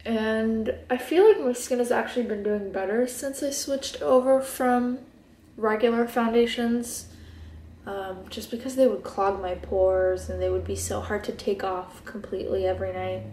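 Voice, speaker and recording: A sleepy Israeli beauty vlogger in her twenties, whose first language is Hebrew, does her makeup in her bedroom during a casual get-ready-with-me chat, laid-back and full of ums and likes. Her voice is fairly high, darkish and fairly even at normal speed. A camera at close desk distance captures an echoey bedroom recording.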